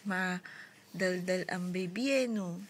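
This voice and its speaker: A woman's voice: lowish voice, slow pace. A young woman, a mother, chatting and teasing her baby in playful sing-song baby talk at home.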